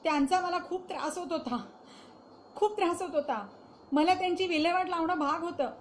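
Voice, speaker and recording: A woman's voice: very high-pitched, brisk, slight background noise, voice pushed up. A woman voicing a troubled middle-aged wife who turns agitated and bitter, in a raised, strained voice.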